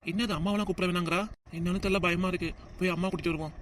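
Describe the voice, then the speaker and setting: A woman's voice: fairly low pitch, steady tone, far from the mic, heavy background noise, natural voice. A woman voicing a fretful village husband in his forties. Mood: worried. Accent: Tirunelveli Tamil. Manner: fretful, tearful, rapid talk. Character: anxious 40-year-old village husband. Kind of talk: cartoon voice acting.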